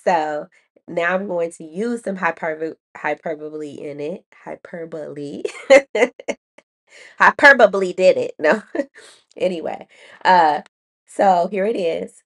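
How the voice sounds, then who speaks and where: A woman's voice: fairly low pitch, takes it slowly, long pauses. A woman educator hosting a podcast, explaining a writing lesson in a chatty way, laughing at herself, with many ums and restarts. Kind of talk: casual teaching talk.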